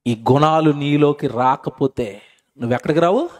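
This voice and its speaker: A man's voice: on the high side, moderate pace. A male preacher, delivering a sermon to a congregation. He keeps asking the listeners questions and answering them himself, and he repeats phrases for emphasis.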